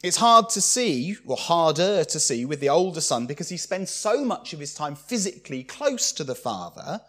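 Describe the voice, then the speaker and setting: A man preaching a sermon, expressive and acting out the lines he quotes. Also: a little high, moderate pace.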